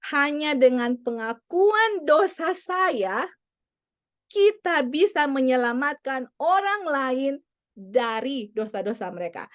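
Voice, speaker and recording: A woman preaching a sermon, earnest and repetitive, mixing English phrases into her teaching. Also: high-pitched. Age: adult parent. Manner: earnest, repeats key points.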